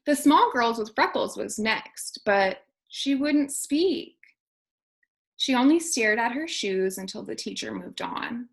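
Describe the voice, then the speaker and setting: A kindergarten teacher with a fairly high voice reads a children's storybook aloud to young listeners. Her delivery is expressive and deliberate, with lively intonation.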